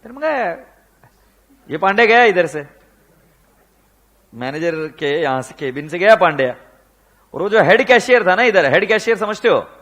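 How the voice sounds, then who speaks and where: Animated Indian male accounts teacher. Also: high-pitched, normal speed, long pauses. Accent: Indian, Pune area. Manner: animated anecdotes, acts out quoted people, rhetorical questions to students. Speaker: accounts lecturer. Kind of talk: storytelling lecture mixing Hindi and English.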